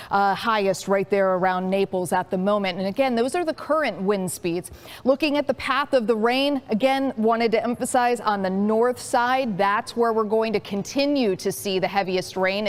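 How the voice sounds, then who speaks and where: A woman presenting a live, unscripted weather forecast in an explanatory manner with measured emphasis. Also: medium pitch.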